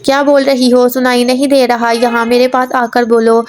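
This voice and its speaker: A woman voicing a young man in an audiobook, an insistent, protective lover who speaks with calm, firm reassurance. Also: a little high, natural voice. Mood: teasing.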